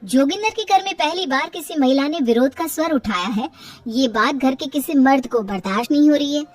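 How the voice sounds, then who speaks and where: A woman narrating an animated family story in a steady storytelling manner. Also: high voice, moderate pace, recorded from a distance. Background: soft music.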